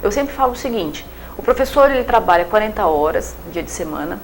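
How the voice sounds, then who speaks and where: In this low-quality recording with slight hiss or hum, the same kind of guest, a young Brazilian psychiatrist with a Brazilian Portuguese accent, explains things conversationally through everyday examples and lots of fillers. Her mid-range voice sounds brisk and expressive as she talks casually in the interview.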